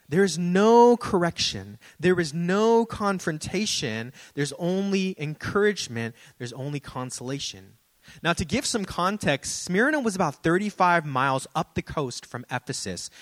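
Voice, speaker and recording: A man's voice: on the high side, a bit bright, no echo. Conversational male pastor, dry sound. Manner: conversational storytelling preacher. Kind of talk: sermon.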